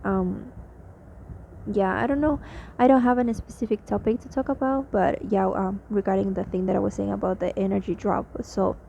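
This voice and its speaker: In a casual spoken diary, a young Mexican woman, a vlogger whose native language is Spanish, speaks accented English wearily, restarting often and using many fillers. The mid-range voice is mellow and creaky, steady at a normal speed, over faintly noisy, slightly dull lo-fi audio.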